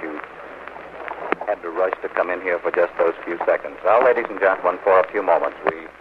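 A man's voice: low-pitched, brisk. Man reporting live on an old newsreel-style broadcast. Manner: polite formal on-the-spot reporting. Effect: old newsreel-style radio broadcast. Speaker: radio reporter. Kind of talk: 1940s live radio news coverage. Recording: tinny 1940s radio broadcast with hiss.

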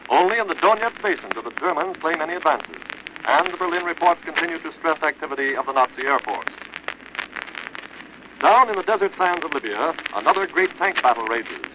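A man's voice: on the high side, lively intonation, a little fast. An American man reading a formal, declamatory 1940s radio newscast in an old newsreel manner. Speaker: radio news announcer. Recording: noisy, muffled 1940s radio broadcast. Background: loud radio noise.

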